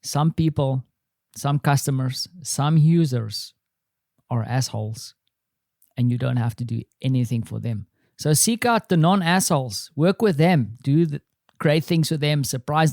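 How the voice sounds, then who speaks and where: A man's voice: mid-range voice, creaky, a little mellow, no room sound, studio quality. A middle-aged man hosting his own podcast, rambling and self-deprecating in a casual solo monologue. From South Africa. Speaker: podcast host. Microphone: studio microphone.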